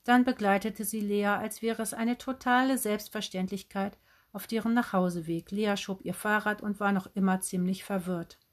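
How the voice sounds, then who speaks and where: A woman narrates a story for an audiobook. Her delivery is steady and clear, sitting at an ordinary middle pitch. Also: normal speed. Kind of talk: scripted narration.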